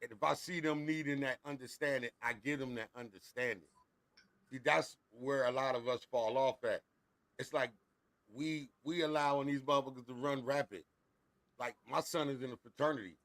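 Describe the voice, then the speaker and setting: A man's voice: medium pitch, steady tone, normal speed, no room sound. A man in his forties hosting a podcast, chatting casually, swearing freely, laughing often and mimicking elders. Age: 40s. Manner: profane, laughing storyteller, does loud mocking voices of elders. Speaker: podcast host.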